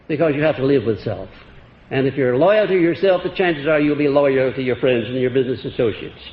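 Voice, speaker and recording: A man giving a folksy motivational seminar lecture on an old archival recording, chuckling and quizzing his audience. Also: on the high side. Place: lecture hall before a live audience. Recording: echoey, dull old lecture-hall tape with faint hiss.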